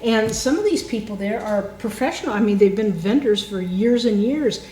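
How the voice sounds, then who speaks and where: A woman's voice: mid-range voice, lively intonation, moderate pace, darkish tone. Enthusiastic woman guest in an echoey room. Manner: enthusiastic, reflective. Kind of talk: casual chat. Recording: echoey room with faint noise.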